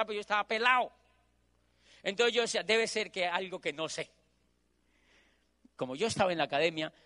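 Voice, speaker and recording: A middle-aged Colombian man with a Colombian accent tells his story to an audience. His voice sits high for a man and sounds bright and forceful. He drives his points home by repeating phrases. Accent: Colombian Spanish. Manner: animated storyteller who repeats phrases for emphasis. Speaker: motivational speaker. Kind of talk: motivational storytelling talk.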